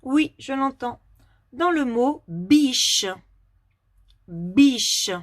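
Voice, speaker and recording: A teacher guides small children through a phonics lesson, speaking very slowly and carefully in a slightly high, animated, fairly bright voice. She articulates each word with patient clarity and asks patient questions. The recording is dry and close, with no room echo.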